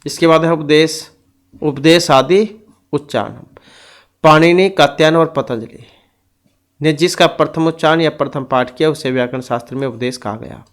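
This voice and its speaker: A man's voice: on the high side, moderate pace. A man teaching an exam-prep grammar lesson who reads out rules and goes through lists one item at a time.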